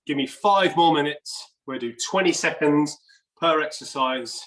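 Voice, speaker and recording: A middle-aged man coaching a workout like a barking gym coach, energetic, in short urgent commands and countdowns. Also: a little high, unhurried. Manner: energetic, exercising while talking. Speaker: fitness coach leading a workout class. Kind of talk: live HIIT workout instruction. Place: indoor home gym. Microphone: camera device a few steps away. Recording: roomy echo, distant mic.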